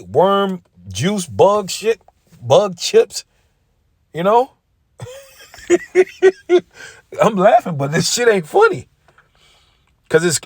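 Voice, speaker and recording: A man with a fairly high voice preaches in a blunt, profane way, his pitch swinging widely as he presses each point. He keeps checking in with "right?" between lines. The sound is close and dry, with no room echo. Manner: emphatic, repeats "right?" as a check-in.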